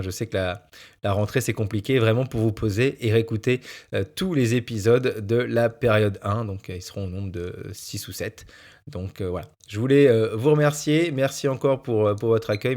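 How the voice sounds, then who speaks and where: A man's voice: lowish voice, a little mellow. A man, a primary school teacher, hosting his own podcast in casual solo chat, hesitating often with fillers and restarts.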